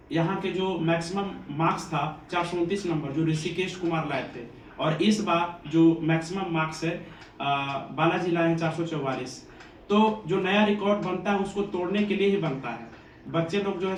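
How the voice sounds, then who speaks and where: Earnest high-voiced man from Bihar. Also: normal speed. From Bihar, India. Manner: earnest, devotional, preachy. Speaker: coaching institute teacher. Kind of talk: motivational address to students. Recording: echoey room, distant mic, faint ambient noise.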